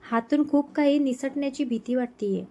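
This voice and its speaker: A woman voicing an emotional young bride who talks softly and from the heart. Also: high voice, moderate pace, lo-fi sound. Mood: anxious. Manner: soft, tearful, heartfelt.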